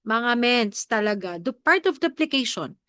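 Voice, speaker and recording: A woman's voice: on the high side, big pitch swings, moderate pace, a bit bright, dry recording, studio quality. A woman with a Filipino accent giving a network marketing training talk live, mixing in English and asking her listeners questions, a bit congested from an allergy. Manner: coaching, asks the audience questions often; mixes Tagalog and English.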